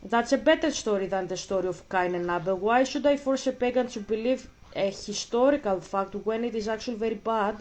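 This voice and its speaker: A woman chats casually in a plain, mid-pitched voice. She thinks out loud, breaking off, restarting and filling gaps with "uh" as she works through her point. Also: brisk, few pauses. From Greece. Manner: thinks aloud with many restarts and fillers. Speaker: vlogger. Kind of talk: casual chat.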